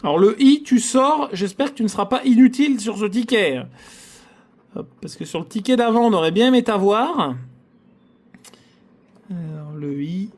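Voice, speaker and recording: A man's voice: high-pitched, animated, normal speed, long pauses, darkish tone. A man hosting his own channel, chatting casually to viewers as he scratches lottery tickets and groans theatrically at every loss. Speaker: channel host.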